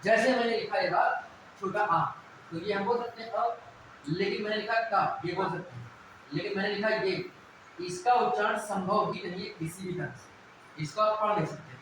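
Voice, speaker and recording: Guy teaching a class, high voice, asks stuff and answers it himself, big echoey room with some noise. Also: moderate pace, a bit bright. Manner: questions himself and repeats key points. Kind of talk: classroom lecture on Hindi grammar.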